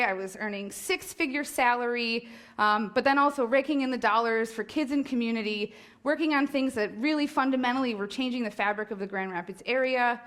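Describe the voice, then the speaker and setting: A woman's voice: a little high, fairly bright tone. A woman in her forties telling a personal story live on stage, nervous, candid and self-mocking, with laughs and fillers.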